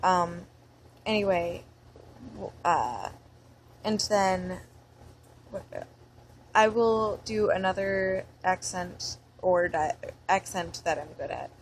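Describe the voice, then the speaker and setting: A woman's voice: lowish voice, slow, long pauses, a little hiss or hum, low-quality recording. A young American woman talking in a casual vlog, rambling and chatty as she reads through a word list. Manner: rambling and chatty, with many fillers. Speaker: vlogger.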